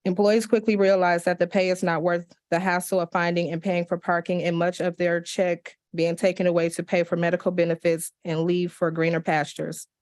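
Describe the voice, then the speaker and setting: Her voice lowish, a woman works through public comment letters at a county commission meeting, reading them aloud. The reading is even and measured, punctuated by small slips and restarts.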